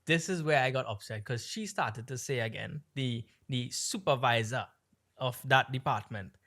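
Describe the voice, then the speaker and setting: A Trinidadian man whose American accent carries a Trinidadian tinge co-hosts a podcast, telling a long story in a rambling, animated way full of fillers. His pitch is medium and his pace moderate, in a casual storytelling chat.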